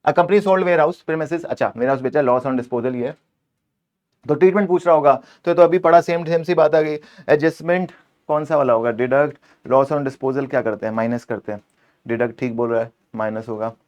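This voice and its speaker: A man's voice: mid-range voice, moderate pace, a little mellow, highs cut off. A man teaching an exam-prep accounting lesson, playfully scolding the answer options and switching between Hindi and English.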